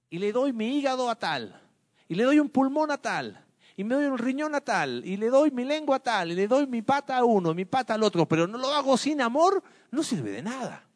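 A man's voice: very high-pitched, long reverb tail. A man teaching a Bible study lesson. He asks his listeners questions, answers them himself and explains with everyday examples.

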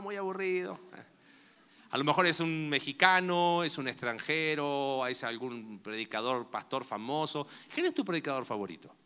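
A man's voice: on the high side, sharp tone. A young man preaching a sermon in a conversational way, asking his listeners many questions. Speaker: pastor.

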